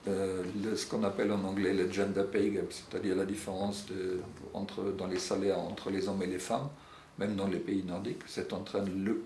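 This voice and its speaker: This is a middle-aged man with a low, gravelly, somewhat mellow voice, serving as secretary general of a European civil society network. Earnest and halting, he answers interview questions on European social policy, using frequent "euh" fillers and restarts. The recording is echoey, with faint background noise.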